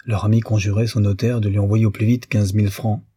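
A man narrating an audiobook of a classic novel in a measured, even storytelling manner. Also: fairly low pitch, breathy edge, no room sound.

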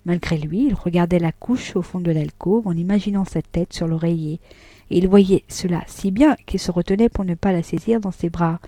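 A woman reading a classic novel aloud, measured and subdued in the narration. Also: lowish voice, dark tone, no echo.

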